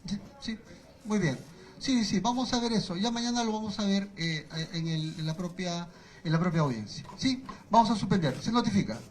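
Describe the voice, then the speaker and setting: A man with a Peruvian Spanish accent presiding as judge over a court hearing, giving procedural instructions and rulings, often pausing on fillers. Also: sits high, animated, a little mellow, a little hiss or hum.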